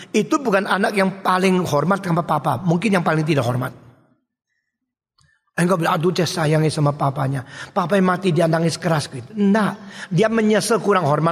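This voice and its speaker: An older man preaching a sermon in speech, emphatic, swinging between low murmurs and high outbursts and dropping in English phrases. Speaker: pastor. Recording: long hall reverb.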